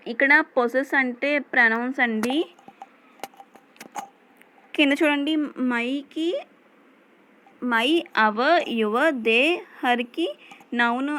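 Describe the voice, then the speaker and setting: A woman with a Telugu accent teaching English grammar, reading English definitions slowly and explaining them in Telugu. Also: fairly high pitch, bright, forceful tone, a little hiss or hum, low-quality recording. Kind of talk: explanatory lesson over slides.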